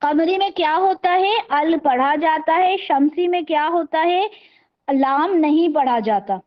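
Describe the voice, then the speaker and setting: A woman teaching an Arabic grammar class over a video call, patiently quizzing her students and slowly repeating terms. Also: sits high, dull audio. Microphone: video call microphone.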